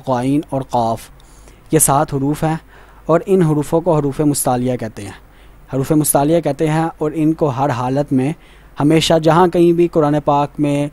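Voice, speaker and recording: A man teaching a Quran reading lesson, patient, repeating points and asking checking questions, saying Arabic letters slowly and carefully. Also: on the high side, dark tone.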